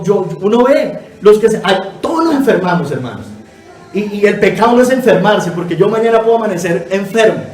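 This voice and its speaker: High-voiced man preaching in an echoey hall. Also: a little mellow. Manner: earnest exhortation, constantly calling listeners brother. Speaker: pastor. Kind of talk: sermon. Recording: echoey room, voice from a distance.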